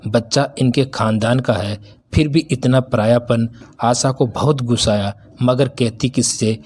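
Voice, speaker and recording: A man narrating a scripted family story as a storyteller, in an even reading manner. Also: mid-range voice.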